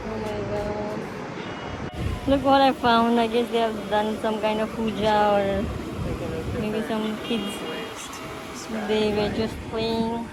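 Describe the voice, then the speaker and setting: With a rather high, flat-pitched voice, the Sikkim vlogger talks slowly and pauses often while covering her travels outdoors and in a restaurant. She's a young native Nepali speaker from India, loose and chatty with lots of fillers. Heavy background noise and music fill the recording.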